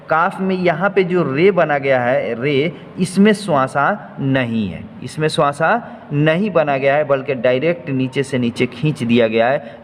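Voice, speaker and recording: A man teaching how to write and read Urdu letters, explaining step by step and repeating each point patiently. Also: medium pitch. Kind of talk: slow step-by-step lesson. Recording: faint noise, long hall reverb.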